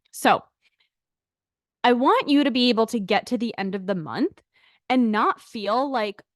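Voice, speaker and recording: Woman podcast host, young adult, chatty and candid, casual swearing, a touch breathless, mid-pitched voice, dry close sound. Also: no room sound. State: a bit out of breath. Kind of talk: casual solo podcast talk.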